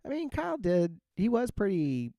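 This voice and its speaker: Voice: medium pitch, huge pitch swings, moderate pace, dark tone, no echo, studio quality. A podcast host chatting casually, rambling through fillers and breaking into laughter.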